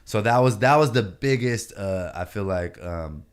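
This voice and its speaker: A man's voice: lowish voice, lively intonation, a little slow, clear, resonant tone. A man talking as a podcast guest, a comedian telling stories in a laid-back, slangy way and leaning on "you know what I mean" and "bro" as he goes. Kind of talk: casual storytelling chat.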